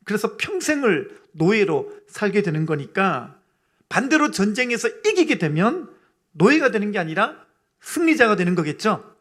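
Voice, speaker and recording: High-voiced man preaching a sermon. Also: fairly bright tone. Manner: explains patiently, then builds to emphatic exclamations. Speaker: pastor. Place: church.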